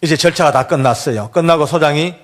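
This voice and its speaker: Earnest older man giving a testimony. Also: fast. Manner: earnest, deeply emotional storytelling. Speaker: church elder giving testimony. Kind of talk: emotional testimony sermon.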